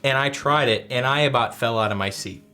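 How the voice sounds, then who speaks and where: A young adult man co-hosting a casual chat, talking in a relaxed, rambling way that keeps correcting itself. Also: medium pitch, brisk, smooth, soft background music. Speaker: co-host.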